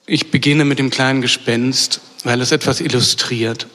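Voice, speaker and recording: A man's voice: mid-range voice, steady tone, sharp tone. Hesitant male lecturer in a reverberant hall. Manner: measured, with frequent hesitation fillers and self-corrections. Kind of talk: academic lecture.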